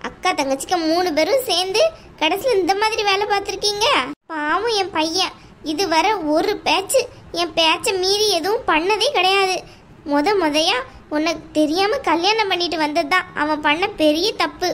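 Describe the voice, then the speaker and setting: A woman's voice: extremely high pitch, a bit bright, a little hiss or hum. A woman voicing a scheming, domineering middle-aged mother-in-law who talks in a scornful, taunting way in an amateur audio drama. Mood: scornful, bossy. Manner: scornful, bossy, drawn-out taunting.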